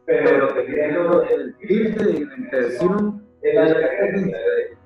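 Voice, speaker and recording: A man's voice: a little high, animated, a little slow, faint music behind. A male student asking a hesitant question in an online class. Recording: tinny distant phone-like mic, heavy echo.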